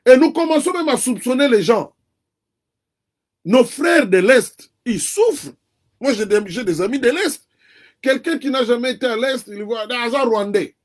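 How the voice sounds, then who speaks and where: Speaking with a Congolese accent, a man whose voice is notably high for a man gives earnest conversational commentary as an interview guest. He comes from the Democratic Republic of the Congo and his first language is Kikongo. He builds his argument methodically, one point after another, using repeated phrases for emphasis.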